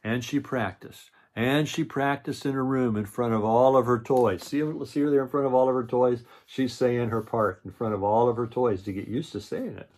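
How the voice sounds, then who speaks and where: A man's voice: mid-range voice, fairly even intonation, moderate pace, hardly any pauses, darkish tone. An older man with a grandpa voice, reading a children's picture book aloud and adding explanatory asides. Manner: grandpa voice, explains and repeats story points.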